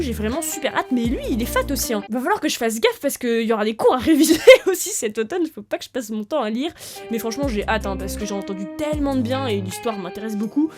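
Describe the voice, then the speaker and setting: A young woman in a casual, chatty book vlog, talking excitedly to her viewers with plenty of fillers and restarts. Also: a little high. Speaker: book vlogger. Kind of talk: casual chat to camera.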